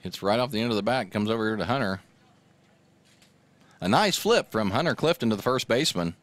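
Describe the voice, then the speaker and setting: A man doing relaxed, joking play-by-play commentary for a local high school baseball game, as a regular announcer. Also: a little fast, no room sound. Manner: relaxed, joking, gets loud and excited on the home run.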